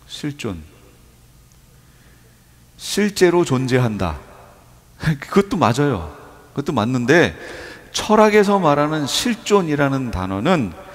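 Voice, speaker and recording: A male pastor preaching a sermon, explaining step by step with everyday examples and putting rhetorical questions to his congregation. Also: mid-range voice. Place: church sanctuary. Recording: long reverb of a church hall.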